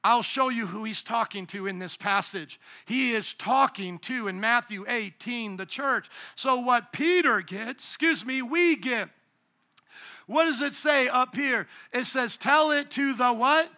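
In a church sanctuary, a pastor delivers a sermon at a measured pace in a strikingly high, sharp and bright voice. He preaches emphatically, often calling on the congregation to echo words back, and playfully jokes at his own expense.

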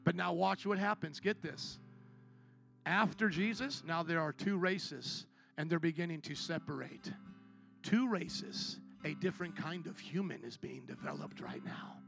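A male pastor delivers a sermon in a high voice with a gravelly rasp. He keeps calling on the congregation to answer him, dropping low and quiet before rising to loud shouted climaxes. Soft guitar plays faintly underneath. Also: very animated, a little slow. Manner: preaches with call-and-response to the congregation.

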